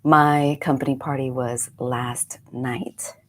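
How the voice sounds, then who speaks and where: A woman in her forties who coaches meditation rambles casually on a live stream, dropping friendly asides. Her rumbling low voice is flat and slow, a touch congested, and a faint hiss or hum sits in the recording.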